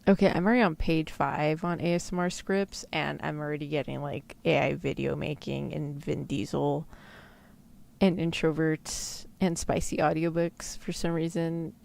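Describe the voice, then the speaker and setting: Her voice is deep and gravelly, a little mellow, with little pitch movement and a normal speed. The woman, a VTuber streamer and ASMR roleplayer, chats playfully on a casual livestream, tossing out incredulous exclamations and mild swears.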